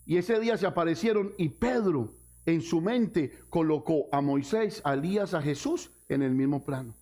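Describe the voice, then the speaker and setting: A male pastor preaching a sermon in a church service. He speaks emphatically, with sudden rises and drops in pitch, and puts rhetorical questions to the congregation. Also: expressive, normal speed, a little mellow.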